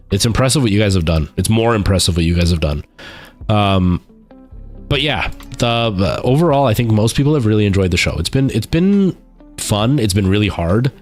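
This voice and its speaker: Male streamer, lowish voice, candid, self-deprecating, informal chat delivery over faint music. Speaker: streamer chatting with viewers, stage musical performer. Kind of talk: casual livestream chat.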